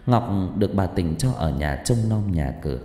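Dark-voiced man narrating a horror tale. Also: low voice, sing-song, normal speed. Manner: dramatic, hushed in tense passages. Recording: echoey reverb with faint music.

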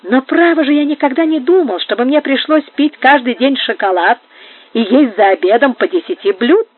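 A naive, simple-minded young man chatters with giddy delight, as a woman reader puts him on. His voice is pitched up and loud with excitement. The sound is tinny, like a phone line. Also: moderate pace. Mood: gleeful.

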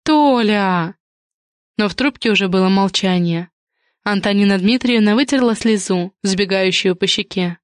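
A woman reads the narration of a novel, even and unhurried, in a middle register. The sound is close and dry, with no room echo. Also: mid-range voice. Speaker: audiobook narrator. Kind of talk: scripted narration.

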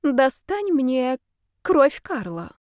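A woman voicing a sly, scheming female witch who speaks slowly and softly with an insinuating manner, in an audiobook reading. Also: medium pitch, animated, no echo, studio quality, natural voice. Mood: cold. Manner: slow, soft, insinuating.

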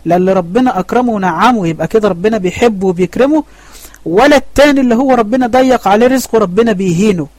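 A man's voice: sits high, a little mellow, dry recording. A man with an Egyptian accent teaching an online religious lesson. He asks questions and answers them himself. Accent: Egyptian Arabic. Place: online voice chat room.

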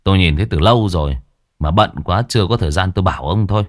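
A sly, unflappable young exorcist, as a storyteller puts him on, speaking low and easy with dry teasing. The recording is close and dry. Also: male voice, racing, no room sound, natural voice. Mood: sly calm. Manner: laid-back, dryly teasing.

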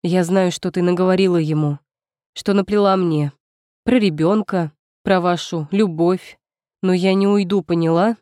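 A woman's voice: fairly low pitch, steady tone, normal speed, no room sound, studio quality, close to an everyday voice. A woman voicing a fierce, defiant young heroine in a first-person story, speaking with barely held fury. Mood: furious. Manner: furious, forceful.

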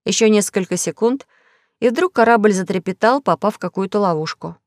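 A woman narrating a children's audiobook in a lively storytelling manner at a close studio mic. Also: mid-range voice, brisk, dry recording. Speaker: audiobook reader. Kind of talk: scripted narration.

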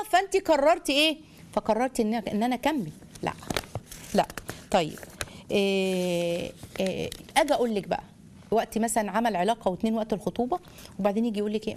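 A woman with an Egyptian Arabic accent giving a religious advice lecture to wives, animated, asking rhetorical questions and calling her listeners daughters. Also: on the high side. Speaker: Islamic family lecturer.

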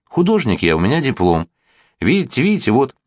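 A man's voice: medium pitch, wildly swooping pitch, a little fast, no echo, clean studio sound, voice pushed up. A man reading the lines of a chattering, plaintive woman artist in an audiobook, rambling and repeating herself.

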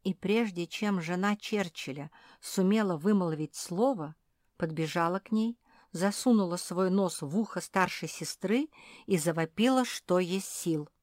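A woman reading a children's story aloud slowly and expressively, putting on voices for the characters. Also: fairly low pitch, darkish tone, dry recording, clean studio sound.

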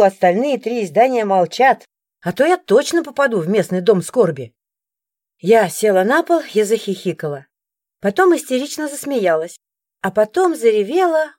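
A woman reading a first-person audiobook in an expressive storytelling manner. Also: mid-range voice, dry recording, studio quality. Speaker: audiobook narrator.

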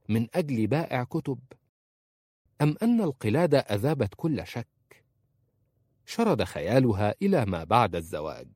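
A man narrating an audiobook in a measured, dramatic storytelling manner. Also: fairly low pitch, darkish tone, dry recording, studio quality.

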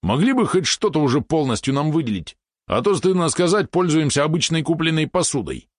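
Man doing an excitable yapping dog spirit. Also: mid-range voice, brisk, no echo, clean studio sound, pitched above the performer's own voice. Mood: indignant. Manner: eager, indignant, pushy. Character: excitable talking dog-like male helper spirit.

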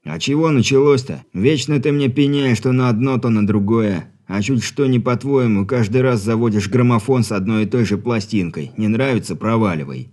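A man's voice: medium pitch, moderate pace, few pauses, darkish tone, close to an everyday voice. A man reading an audiobook, voicing a touchy, grumbling male mercenary with a complaining, reproachful manner.

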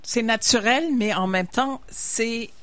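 A woman joins a relaxed book conversation, cutting in with her own remarks. Her voice sits a little high. The sound is close and dry. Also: no room sound. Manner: conversational, adds quick remarks. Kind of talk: casual radio book chat.

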